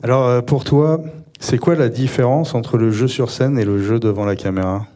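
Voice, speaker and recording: A man's voice: mid-range voice, normal speed, mellow. A man hosting a live interview on a theatre stage, leading with prepared questions. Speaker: interviewer, host. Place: theatre stage before an audience.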